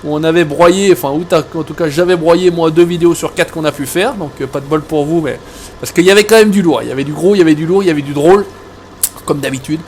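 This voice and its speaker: A man's voice: on the high side, quick pace, darkish tone. A man from Savoie, France, hosting a casual let's-play video at home, rambling and joking with lots of fillers and restarts. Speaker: gaming video host.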